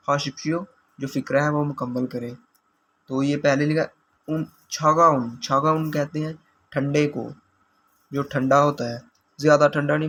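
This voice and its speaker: A male teacher works through exam answers patiently, step by step. His voice sits a little high and stays flat in tone. A faint hiss of noise runs under the recording. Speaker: language teacher. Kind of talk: explaining exam questions.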